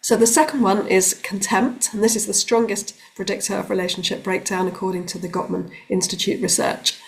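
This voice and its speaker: A woman working as a relationships coach, giving calm, explanatory advice straight to the camera with the odd um. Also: medium pitch, a little fast, vocal fry. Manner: calm, explanatory, with occasional ums. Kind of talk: direct-to-camera advice talk.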